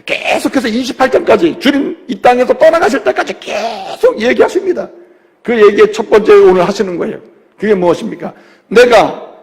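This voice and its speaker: A male pastor preaching a sermon in a church sanctuary, emphatic, often acting out the voices of the people he quotes. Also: very high voice. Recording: long church reverb.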